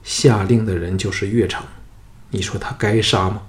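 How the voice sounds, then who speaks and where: Man softly voicing a vengeful noblewoman. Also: lowish voice, a little slow. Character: scheming, vengeful young noblewoman, coquettish.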